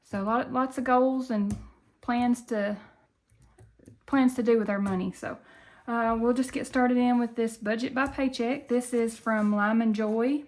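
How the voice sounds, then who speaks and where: A woman from Tennessee hosts a budgeting video, chatting with viewers in a casual, folksy way and a country Appalachian Southern accent. Her voice sits on the high side, with a steady, slightly mellow tone and an unhurried pace.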